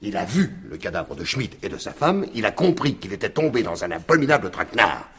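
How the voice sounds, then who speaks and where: In a 1950s-style French radio mystery, an actor plays a shrewd, insistent detective laying out his theory with emphatic deliberation. His lowish voice is sing-song, fairly quick, a bit bright and husky, exaggerated for dramatic, urgent effect.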